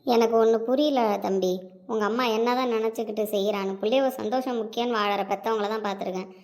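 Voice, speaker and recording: A woman's voice: a little high, steady tone, fast, a little mellow, lightly acted. A woman doing a fretful nagging grandmother. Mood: fretting. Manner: nagging, complaining. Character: scolding old grandmother, fretful and doting. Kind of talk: amateur audio drama.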